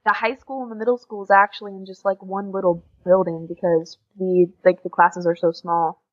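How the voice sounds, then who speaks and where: The recording is lo-fi: a teenage American exchange student from small-town Oklahoma speaks fairly quickly in a level, mid-range voice. She's a casual, informal interview guest who uses "like" as a frequent filler.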